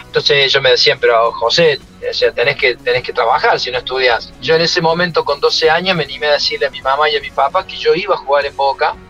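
Argentine man, middle-aged, bright voice, a bit higher pitch, reflective, muffled sound. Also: fast talker, hardly any pauses, soft background music. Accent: Argentine Spanish. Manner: emotional, reflective storytelling. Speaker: former footballer, coach. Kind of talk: interview answers.

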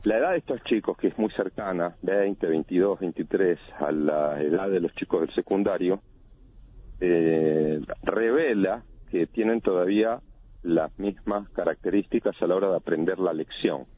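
A man's voice: sits low, moderate pace. A man, an analyst of body language, explaining over the phone in a teaching way and chanting examples of intonation. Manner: didactic, demonstrates intonation by chanting. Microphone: phone call. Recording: tinny phone line.

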